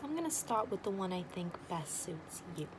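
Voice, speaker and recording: A woman's voice: on the low side, very animated, moderate pace, noisy background. Woman doing a blunt matchmaker, overdone accent, ASMR role-play. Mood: persuasive. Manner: blunt, familiar, teasing. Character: blunt, nosy, wisecracking female matchmaker with sales patter.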